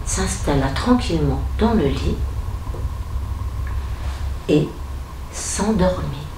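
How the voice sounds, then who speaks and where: A woman storyteller telling a fairy tale to children at a library event, slow and dramatic, speaking to the children directly. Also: sits low, lively intonation, background noise. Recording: echoey room with faint ambience.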